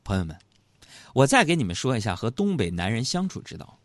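Northeastern radio host, mid pitch, very animated delivery, dry close mic. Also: male voice, fast talker, no room sound. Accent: Northeastern Mandarin. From Northeast China. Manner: animated, storytelling, acts out loud quoted exchanges. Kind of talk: comic monologue. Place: radio studio.

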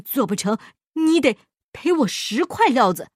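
A woman's voice: high voice, very animated, a little slow, breathy edge, no room sound, clean studio sound, full character voice. A woman voicing a stingy, greedy old landlord who stammers and blusters in a storybook reading. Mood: stammering greed. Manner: stammering, grasping, indignant.

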